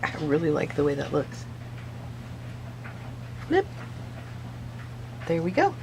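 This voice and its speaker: A woman with a lowish, noticeably creaky voice talks through a hands-on craft in a casual vlog style. She muses aloud in short, chatty phrases, as if half to herself. Faint noise sits behind her voice. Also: huge pitch swings, slow. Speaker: soap maker narrating own craft video.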